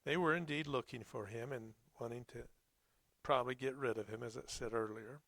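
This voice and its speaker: A man preaching a Sunday sermon, reading scripture and commenting on it in a plainspoken, reflective, halting way. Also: mid-range voice, fairly bright tone, dry recording.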